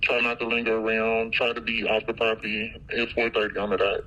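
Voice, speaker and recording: An anonymous worker speaking plainly and with worry in a news interview, the voice electronically disguised and pitched down. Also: monotone, brisk, sharp tone. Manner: worried, plain-spoken. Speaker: anonymous health department worker. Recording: dull, lo-fi processed audio.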